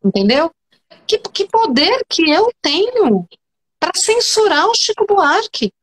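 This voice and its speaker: A woman's voice: very high-pitched, very animated, takes it slowly, a bit bright. A Brazilian woman psychoanalyst talking animatedly as a guest in an online interview, emphatic and often restarting her sentences. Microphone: video call.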